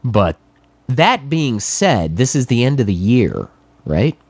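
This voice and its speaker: His voice is medium-pitched, sing-song, slow and slightly rough, recorded without echo. He's a middle-aged New Englander with a cold, congested, wandering through a casual monologue of dry sarcasm and many fillers.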